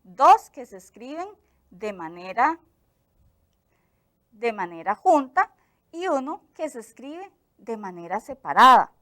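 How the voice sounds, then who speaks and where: Docente que explica despacio y con viveza. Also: female voice, on the high side, sing-song, fairly bright tone. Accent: Costa Rican. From Costa Rica. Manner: slow, clear explanatory delivery. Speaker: teacher. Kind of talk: televised grammar lesson.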